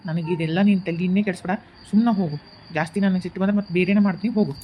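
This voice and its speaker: A woman's voice: on the low side, steady tone, racing, mellow, a little hiss or hum, close to an everyday voice. A woman voicing a grieving young husband in a cartoon who rejects his new wife, with a North Karnataka Kannada accent, bitter and stubborn. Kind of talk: cartoon voice acting. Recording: muffled lo-fi home recording.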